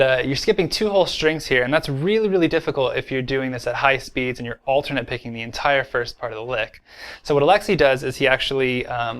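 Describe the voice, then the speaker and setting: A man's voice: mid-range voice, fairly bright tone. A man teaching a guitar lesson, explaining step by step in an easygoing way with plenty of fillers. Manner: counts beats aloud while playing. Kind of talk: casual instructional explanation. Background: electric guitar playing.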